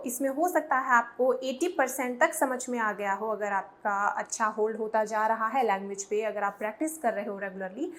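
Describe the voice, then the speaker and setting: A woman teaching English idioms to Hindi speakers, mixing Hindi and English and patiently spelling words out letter by letter. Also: fairly high pitch. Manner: switches between Hindi and English. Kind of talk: Hindi-English language lesson.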